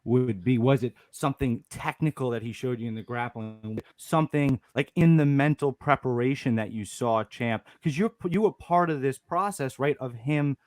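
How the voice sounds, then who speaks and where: A man's voice: mid-range voice, normal speed, hardly any pauses, no room sound. A man hosting a casual interview, asking questions and answering with short, eager agreement. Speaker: podcast host.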